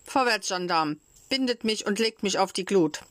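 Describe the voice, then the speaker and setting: A woman doing Pinocchio, high and pleading. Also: lively intonation, moderate pace, a bit bright, no echo, clean studio sound, natural voice. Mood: proud. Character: wooden puppet boy, small, pleading and proud.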